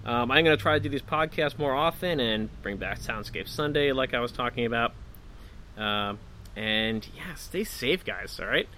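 A man's voice: mid-range voice, lively intonation, moderate pace, pushed and bright, slight background noise. A man talking informally and a little hesitantly as the solo host of a casual podcast. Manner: informal, chatty, hesitant phrasing.

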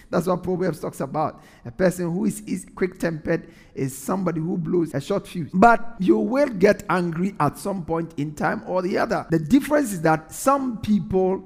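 A man's voice: high-pitched, creaky, darkish tone, long reverb tail. A man preaching a sermon in an earnest way, repeating phrases for emphasis.

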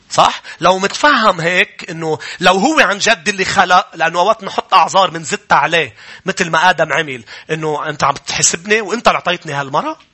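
A man's voice: high voice, breathy edge. A male pastor with a Lebanese Arabic accent, preaching a sermon to his congregation and putting questions to them. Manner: animated preaching, quoting scripture, asking the congregation questions; rises to loud urgent preaching. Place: church before a congregation.

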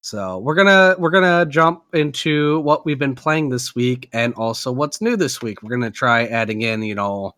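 A man's voice: mid-range voice, sharp tone. A man hosting a podcast in a casual, chatty style. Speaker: podcast host.

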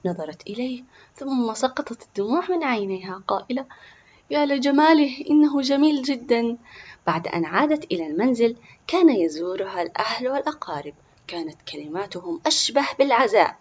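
A woman reading a scripted children's story aloud with expressive narration. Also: medium pitch, quick pace, breathy edge, muffled recording.

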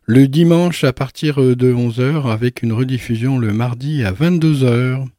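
A man hosting a radio book show, announcing briskly and reading a novel aloud in a radio studio. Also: medium pitch, mellow, no room sound. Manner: brisk, plain announcing with fillers. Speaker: radio host and reader.

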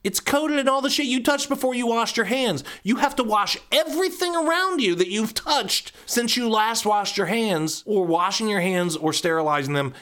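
A man hosting a solo podcast in a casual, rambling monologue, swearing freely and jumping into sudden high squeaky outbursts. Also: animated, moderate pace, few pauses, fairly bright tone. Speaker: podcast host.

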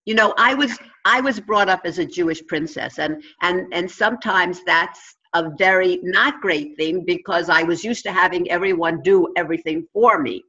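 A woman with a New York accent speaks in a bright, forceful voice, coaching in a conversational interview style. She is emphatic and instructive, and the audio is slightly dull. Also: medium pitch. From New York, United States. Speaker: interview guest, consciousness coach and teacher. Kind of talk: conversational advice-giving interview talk.

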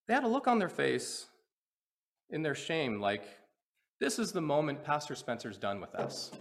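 A man preaching from the pulpit, his voice rough with vocal fry. He moves between quiet, reflective points and animated story moments, his pitch climbing and dropping widely as he goes. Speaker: pastor. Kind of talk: sermon with storytelling.

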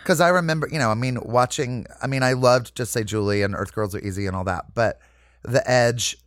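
A man's voice: mid-range voice, brisk, no echo. Rambling chatty man, dry sound. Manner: rambling, full of "you know" and "like", lively asides. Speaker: comedic actor guest. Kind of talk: casual interview chat.

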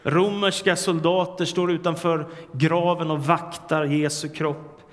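Swedish-speaking preacher in a reverberant church. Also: male voice, fairly high pitch, level tone. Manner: earnest, rises to emphatic cries on quoted words. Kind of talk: sermon. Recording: long reverb of a church hall.

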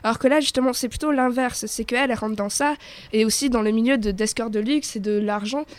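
A woman's voice: fairly high pitch, quick pace, no room sound. A young woman chatting casually on a radio show about TV series, with lots of fillers and restarts. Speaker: radio guest presenting TV series. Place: small radio studio. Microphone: studio microphone.

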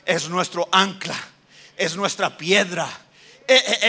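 A high-pitched, bright male preacher. He moves between Spanish and English mid-sentence, lecturing young listeners and building to loud, forceful shouts. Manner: switches between Spanish and English, shouts for emphasis, mimics voices. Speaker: pastor. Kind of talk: sermon.

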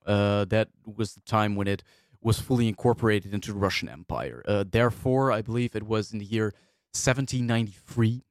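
A man's voice: lowish voice, brisk, no echo, clean studio sound. A man co-hosting a podcast, talking through history in a thoughtful, hesitant way with many fillers. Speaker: podcast co-host. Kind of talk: casual discussion.

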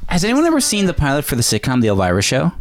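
A man's voice: fairly high pitch, huge pitch swings, rapid-fire. A man hosting a casual podcast chat, enthusiastic and playful. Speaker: podcast host.

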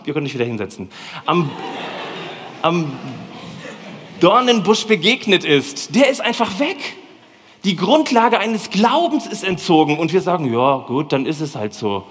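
A man preaching a lively, colloquial sermon in a church hall, speaking directly to the congregation. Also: sits high, a little slow, slight background noise. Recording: long hall reverb.

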